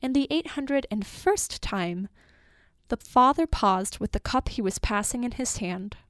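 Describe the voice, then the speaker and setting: A woman narrates a story in a measured, expressive reading voice that lingers over each phrase. Her voice sits somewhat high, and the recording is dry and close with no room sound. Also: no echo.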